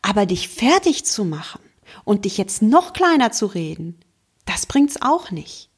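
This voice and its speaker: Breathy, gentle German woman coaching. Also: medium pitch, sing-song. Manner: gentle and encouraging, speaks straight to the listener, slows for emphasis. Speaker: mindfulness coach and podcast host. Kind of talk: self-help podcast talk.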